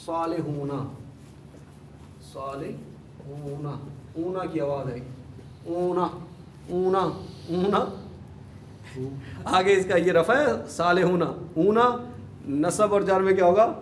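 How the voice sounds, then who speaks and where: A man teaches a class, drilling his students with questions and repeating each word form until it sticks. His voice sits a little high and comes from some distance off the mic. An echoey classroom with a faint hum carries it. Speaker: Arabic grammar teacher. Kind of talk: classroom lesson.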